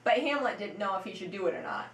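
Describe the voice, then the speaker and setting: A woman's voice: medium pitch, animated, fast, fairly bright tone, close to an everyday voice. A woman playing Horatio, a grieving young man, earnestly recounting events in an amateur interview skit. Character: Horatio, grieving loyal young male friend. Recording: echoey room.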